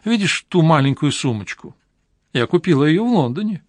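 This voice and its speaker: Guy doing a flashy flirty showgirl, high gushy voice, super dry audiobook sound. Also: sing-song, normal speed, no echo. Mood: boastful. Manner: gushing, teasing, theatrical. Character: flamboyant, flirtatious showbiz woman, brassy. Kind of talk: audiobook character voice.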